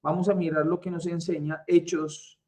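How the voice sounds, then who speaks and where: A man tutoring a Bible class, teaching slowly and deliberately, repeating key points and checking in with his students. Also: a little high, level tone, warm tone. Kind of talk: online Bible lesson.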